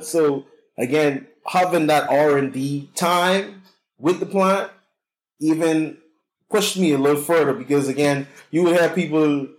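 On a rough recording, a fairly high-pitched man with a Bahamian accent recounts his story as an interview guest in a casual setting. The cannabis consultant is boisterous and talkative, with a habit of saying words more than once.

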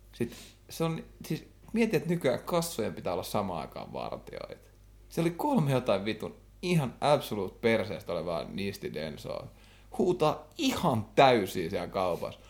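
A man's voice: fairly low pitch, wildly swooping pitch, vocal fry. A young man, co-hosting a podcast in slangy casual chat, laughing often and swearing. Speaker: podcast co-host.

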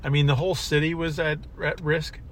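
A man's voice: a little high, flat delivery, fairly quick, slight background noise. A man, a comic artist and writer, chatting casually about a film from inside a car, thinking aloud in an easygoing way.

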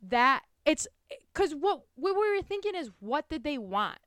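A woman co-hosting a podcast, telling a story in casual chat, quick and animated with lots of "like"s. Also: high-pitched, no room sound. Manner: animated, fast storytelling with many "like"s and acted-out quotes. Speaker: podcast co-host.

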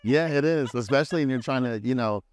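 A man hosting a podcast, chatting in a relaxed, agreeable way and reading quotes aloud. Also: mid-range voice, fast talker, dry recording, clean studio sound. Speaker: podcast host. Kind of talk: casual podcast conversation.

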